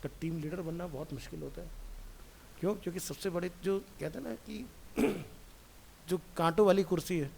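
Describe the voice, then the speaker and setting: A man's voice: a little high, moderate pace, gravelly, darkish tone, breathy edge. A man teaching a computer class in a casual, chatty way, talking straight to a student and drifting off into stories. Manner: chatty, digressive, addresses student directly.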